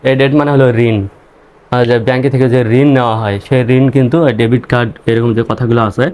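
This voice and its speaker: A man teaches English reading in a slow, patient lesson. He spells each word out letter by letter and then says it again, more than once. His voice sits at a middle pitch. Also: little pitch movement, darkish tone, slight background noise.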